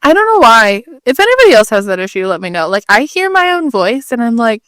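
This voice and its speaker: A woman's voice: fairly high pitch, big pitch swings, fast talker, fairly bright tone, smooth, dry recording, studio quality. A woman co-hosting a podcast in a casual, conversational style. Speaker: podcast co-host.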